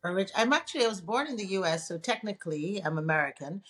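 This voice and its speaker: A woman from Nigeria, a guest on an interview show, telling her story in a relaxed, chatty way. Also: mid-range voice, quick pace. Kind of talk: casual interview conversation.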